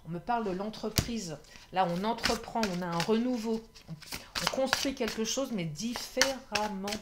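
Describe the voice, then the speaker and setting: A woman's voice: medium pitch, moderate pace, very noisy. Chatty woman giving a tarot reading. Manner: chatty, laughs often, frequent filler sounds. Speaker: tarot card reader. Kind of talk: casual tarot reading to viewers.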